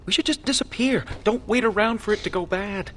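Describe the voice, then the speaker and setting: A man's voice: sits high, fairly quick, slight background noise, natural voice. An actor playing a wary, sardonic young man spy in a fantasy game. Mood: anxious.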